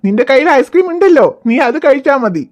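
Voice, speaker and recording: A woman voicing a patient, gentle father in a cartoon, coaxing and reassuring his crying child. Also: sits high, sing-song, quick pace, background noise. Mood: soothing. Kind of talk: cartoon voice acting.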